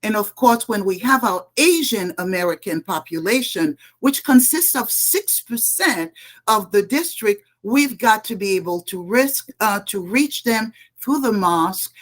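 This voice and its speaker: This is a middle-aged woman from Haiti, answering questions as a candidate in a panel interview. She speaks earnestly and with emphasis, stacking her points one after another. Her voice sits at an ordinary pitch for a woman. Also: lively intonation, unhurried. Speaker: political candidate.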